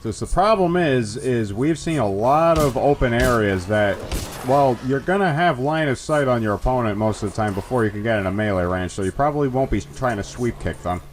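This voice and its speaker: A man's voice: medium pitch, lively intonation, fairly quick, slight background noise. A man co-commentating on a video game in casual banter, with a wry, joking way of talking. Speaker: let's play co-commentator.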